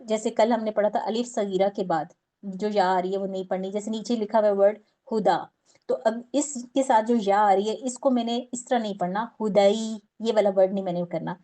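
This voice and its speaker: A woman's voice: mid-range voice, fairly even intonation, brisk, dark tone. A woman teaching a recitation class, explaining patiently step by step and drawing out example words.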